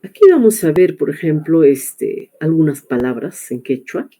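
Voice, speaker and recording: A woman teaching an online class, pausing often on fillers and checking in with tag questions. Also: low-pitched, lively intonation, dark tone, husky. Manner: hesitant, many filler pauses and tag questions.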